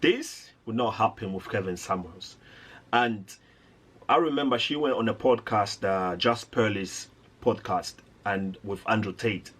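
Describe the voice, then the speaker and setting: A man's voice: fairly low pitch, measured pace, a bit bright, slightly rough. A man hosting a reaction video, giving indignant, rambling commentary with lots of restarts.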